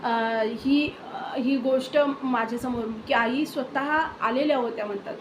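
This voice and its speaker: A woman casually retelling a devotee's spiritual experience, with hesitant pauses and fillers. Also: on the high side, steady tone. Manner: hesitant, many fillers and restarts. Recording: roomy echo with faint background hiss.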